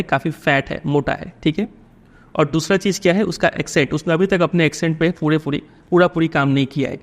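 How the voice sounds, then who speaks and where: A man teaching a lesson with a slightly raised voice. He reads lines slowly and then explains them in Hindi, checking in again and again with his listeners. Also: a little high. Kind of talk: line-by-line text explanation.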